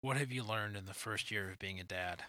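Bright-voiced young man hosting a chat. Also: fairly low pitch, fairly quick. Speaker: podcast host. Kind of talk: casual chat.

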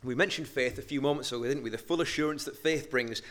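A man preaching a sermon, moving between hushed, slow emphasis and loud, rising exhortation. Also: medium pitch.

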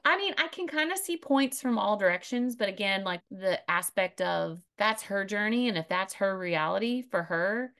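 A woman's voice: mid-range voice, animated, normal speed, hardly any pauses, pushed and bright. A woman co-hosting a podcast, telling stories in a casual chat and laughing easily. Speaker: podcast co-host.

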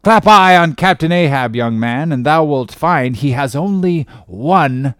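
A man voicing a gruff, suspicious old male sea captain who blusters loudly in old-fashioned speech. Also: expressive, a little slow, dry recording, clean studio sound. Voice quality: loud, booming, archaic speech.

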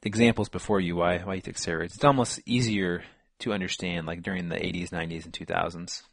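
A man co-hosting a sports podcast in casual chat, relaxed and full of fillers. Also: deep voice, fast talker, creaky, dry recording, clean studio sound. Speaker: podcast co-host.

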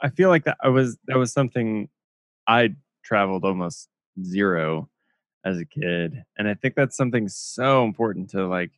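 A man's voice: fairly low pitch, expressive, moderate pace, no room sound, clean studio sound. A man hosting a podcast, talking casually in a rambling way and laughing often. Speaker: podcast host.

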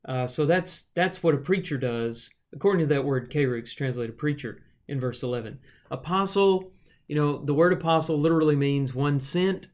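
A man with a thin, reedy, slightly high voice co-hosts a podcast, explaining Bible passages thoughtfully and without hurry. It's a casual teaching conversation, and he uses frequent fillers.

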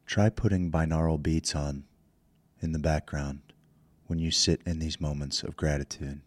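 A man leading a guided meditation in slow, soothing instructions, speaking into a close microphone. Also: extremely low pitch, steady tone, no echo.

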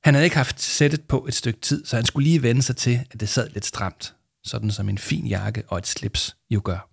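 A man narrating a children's storybook aloud in a calm storytelling manner. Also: mid-range voice, creaky, husky, no echo, clean studio sound. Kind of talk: storybook reading.

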